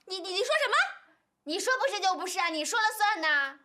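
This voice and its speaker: A woman's voice: very high voice, lively intonation, fast, pushed and bright, exaggerated voice. An actress playing a stubborn young newlywed daughter, answering her mother back in a TV drama. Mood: defiant. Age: young adult. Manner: stubborn, defiant retorts. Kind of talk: TV drama acting.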